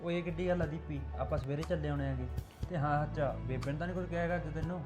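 A man playing a quick-talking young husband. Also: fairly high pitch, reverberant, music in the background, close to an everyday voice. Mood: coaxing. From Punjab. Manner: coaxing, placating. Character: easygoing young husband defending his wife. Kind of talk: amateur village drama acting.

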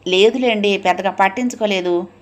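A polite, slightly uneasy young woman new to a strange house, voiced by a woman narrator. She talks softly and plainly, close to the reader's own voice. It comes from a storybook reading. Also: mid-range voice, brisk, natural voice.

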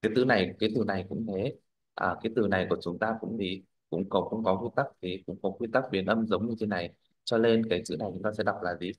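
A man's voice: lowish voice, quick pace, low-quality recording. A male language teacher, leading a classroom pronunciation drill. He models words, corrects students, and keeps checking that they follow.

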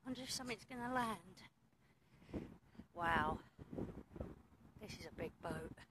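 A woman's voice: lowish voice, animated, a little slow. A woman chatting casually to her phone camera while walking around a harbour quayside, exclaiming and mildly swearing. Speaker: vlogger. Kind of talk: casual handheld narration. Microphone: phone camera held in hand. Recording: outdoor noise on phone mic.

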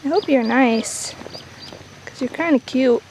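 A young travel vlogger with a high, darkish voice speaks at a measured pace while hiking along mountain village roads and paths. She chats playfully and coos at animals and children, recorded on her handheld camera's mic with noisy outdoor audio.

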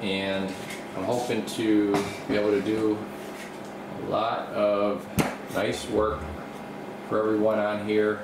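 This man, a radio repair technician and video host, wanders through an improvised tour of his small indoor workshop, talking his thoughts through from behind the camera. He takes it slowly in a lowish voice. The camera mic records a roomy sound over a steady hum resembling an air conditioner.

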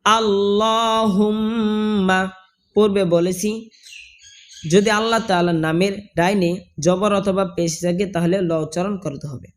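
A man with a Bangladeshi Bengali accent teaching correct recitation, explaining each sound and then chanting the phrase slowly and drawn out. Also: sits high, steady tone, a little mellow.

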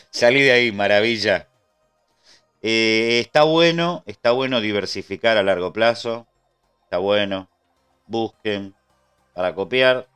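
This man's voice is lowish, clear and resonant, with a fairly bright tone. With an Argentine Spanish accent, he hosts an informal live trading stream, talking loosely, answering chat and thanking subscribers.

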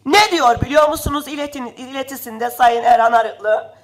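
A woman member of parliament with a high voice speaks at normal speed from a rostrum microphone in a parliament chamber, slightly ill. Her speech is impassioned and indignant, rising to loud emphasis.

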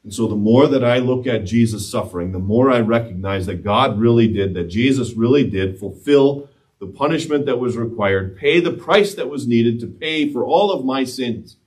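In an indoor church sanctuary of moderate size, a thirtysomething pastor gives a sermon at normal speed in a mid-range voice, rising to loud passion and then dropping to near-whispers. He gestures expansively before the altar, heard only through a remote camera rather than a handheld mic, which leaves him sounding distant.

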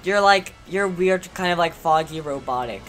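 Gaming host, excitable play-by-play, frustrated edge, sharp bright voice. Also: medium pitch, normal speed, faint music behind. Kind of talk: live gameplay commentary.

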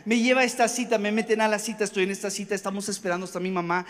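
A man's voice: high voice, very fast. A young man preaching a storytelling sermon at a conference. He rambles from one anecdote to the next, jokes and acts out voices. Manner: animated, rambling, jumps between stories. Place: conference hall stage. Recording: reverberant hall, faint ambience.

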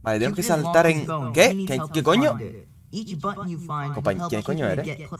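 A young man, giving casual, swear-heavy commentary over his gameplay with loud, baffled outbursts. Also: on the high side, very animated, brisk, crowd noise. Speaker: gaming youtuber.

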